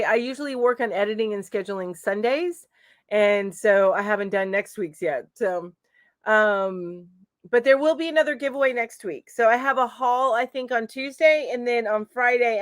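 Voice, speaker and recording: This middle-aged woman runs a crochet channel and hosts a live chat stream from home, reading viewer comments aloud casually and answering with plenty of fillers. Her voice is mid-range, captured in studio quality with no room sound.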